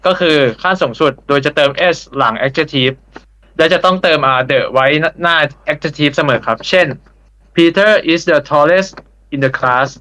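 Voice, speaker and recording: A young man giving a student class presentation, polite and a little hesitant, pausing with fillers. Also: on the high side, pushed and bright.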